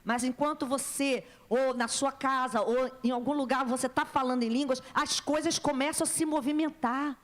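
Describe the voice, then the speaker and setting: A woman pastor preaches a sermon in a high voice. She tells her story with feeling and acts out the voices of the people she quotes. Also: fairly even intonation, normal speed, hardly any pauses. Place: church hall.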